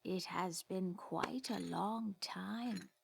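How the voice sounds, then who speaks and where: A man doing Impa, a creaky whispering old woman. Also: sits high, extremely slow, a little hiss or hum, pitched above the performer's own voice, heavily acted. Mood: hushed. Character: ancient wise old woman sage, slow and hushed.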